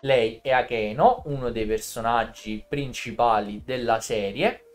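A man's voice: medium pitch, measured pace, faint music behind. A man co-hosting a casual live stream, explaining anime series at length in a chatty, informal way. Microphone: streaming setup microphone.

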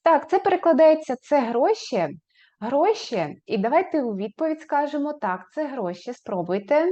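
A woman teaching a beginners' language lesson, modeling phrases slowly and raising her pitch on questions. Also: sing-song, warm tone. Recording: slightly dull, lo-fi recording.

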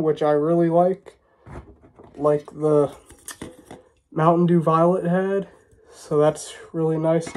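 This is a drinks-reviewing vlogger, a young American man with a cold-congested, stuffy voice. Fairly high-pitched and a little mellow, he chats casually to camera from a small room.

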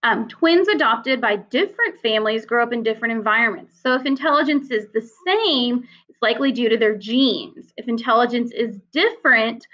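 A woman's voice: fairly high pitch, expressive, moderate pace, few pauses, sharp tone. A woman teacher giving a recorded psychology lecture, explaining in a conversational way with frequent fillers. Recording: slightly dull lo-fi sound.

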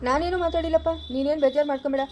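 A stern village elder who both scolds and soothes, voiced by a woman. The voice is high, quick and mellow, with rapid-fire questions. It comes from an amateur family drama. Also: fairly even intonation, slight background noise, lightly acted. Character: stern but kindly elder brother-in-law, village farm owner.

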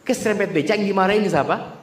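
A man's voice: sits high, fast, a little hiss or hum. A man giving a religious lecture to a congregation, speaking straight to the audience and quoting Arabic scripture. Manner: addresses the audience directly, quotes Arabic scripture. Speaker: preacher. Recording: echoey hall with long reverb.

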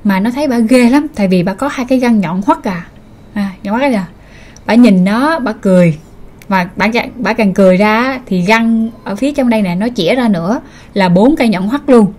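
A woman's voice: mid-range voice, fairly quick, darkish tone. A woman narrating a ghost story in a casual, conversational way, as the channel's host. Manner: chatty, conversational, with spoken asides.

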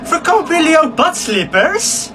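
A man's voice: extremely high pitch, big pitch swings, a little slow, pitched above the performer's own voice, heavily acted. A man voicing polite, easily offended customers in a comedy sketch. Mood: indignant. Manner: polite, indignant. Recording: noisy background.

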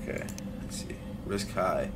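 A game streamer talks a little slowly into a livestream headset mic, offering casual gameplay commentary and greeting chat members by name with slangy "bro" and "dude." The background is noisy, with game music playing.

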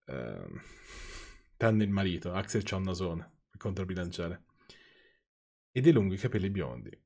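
A lowish male voice reads a story with an Italian accent, cutting in with teasing, sarcastic remarks. The delivery mixes plain narration with dry, offhand commentary. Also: sing-song, unhurried, creaky, darkish tone. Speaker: channel host reading viewers' stories. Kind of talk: reading aloud with off-the-cuff commentary.

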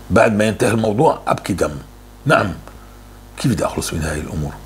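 A man's voice: fairly low pitch, a little hiss or hum. A man answering religious questions, fervent and repeating words for emphasis. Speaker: religious speaker.

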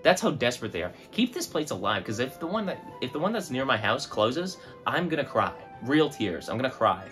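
A man's voice: medium pitch, brisk, hardly any pauses, faint music behind. A man giving an opinionated food rant as a vlogger. He talks emphatically and keeps tagging his points with "right?" and "okay?". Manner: emphatic, animated, tags lines with "right?" and "okay?".

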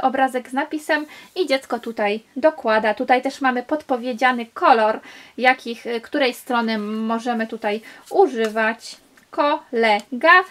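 A woman's voice: on the high side, a bit bright, a little hiss or hum. Enthusiastic woman reviewing a board game. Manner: enthusiastic, explains step by step while handling pieces.

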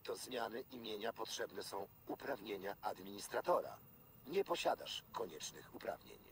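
An actor voicing a talking smart gun with a gravelly, flat machine-like manner in a video game, with faint noise behind. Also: male voice, on the low side, moderate pace. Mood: deadpan. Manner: monotone machine-like delivery, repeats louder.

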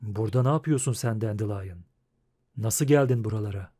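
A man's voice: brisk, no room sound, clean studio sound, natural voice. Adam canlandırıyor alçak sesli sakin witcher. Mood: curt. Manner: low, flat, terse. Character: calm stern male witcher, few words.

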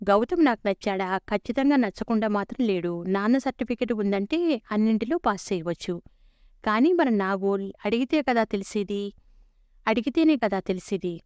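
A woman narrating a humorous story in the first person with wry, expressive delivery. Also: medium pitch, clean tone, dry recording, clean studio sound.

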